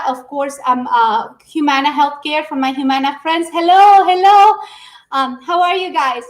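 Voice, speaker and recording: A middle-aged woman from Ecuador giving an energetic business presentation on a livestream, greeting the audience warmly. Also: high-pitched. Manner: energetic, warm greetings to the audience, spoken with restarts. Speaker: public speaker. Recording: echoey room.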